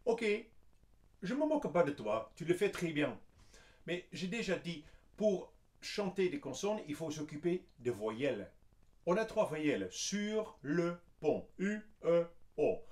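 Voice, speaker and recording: A man's voice: fairly high pitch, big pitch swings, measured pace, a little mellow. A male vocal coach giving a singing lesson, patiently explaining consonants and then singing short examples. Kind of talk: singing lesson with sung demonstrations.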